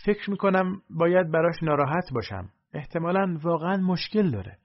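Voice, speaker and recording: A man's voice: a little high, lively intonation, dull audio. A man voicing an adult male friend who talks in a sympathetic, agreeable tone.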